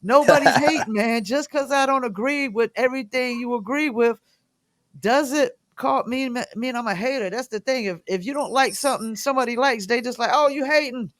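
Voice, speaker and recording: A man hosting a podcast interview, talking in a casual, animated, slangy way. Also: extremely high pitch, brisk, no room sound. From North Carolina, USA. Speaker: podcast host.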